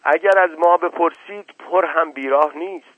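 Man doing a boastful old servant, loud and raised in pitch, folksy rambling, tinny radio sound. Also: no room sound, close to an everyday voice. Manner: rambling, loud and eager to chime in. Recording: tinny dry radio broadcast.

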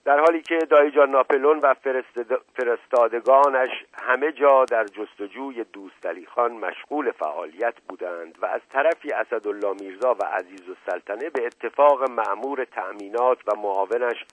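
Guy narrating an audiobook, steady even reading, mid voice, dry close sound. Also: medium pitch, no room sound, poor audio. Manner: measured, even storytelling.

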